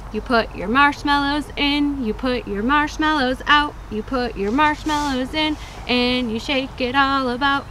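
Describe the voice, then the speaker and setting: A young woman librarian leading a children's storytime, talking slowly and clearly in a bright, sing-song way. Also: high-pitched, a little hiss or hum. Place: outdoors at a wooded campsite.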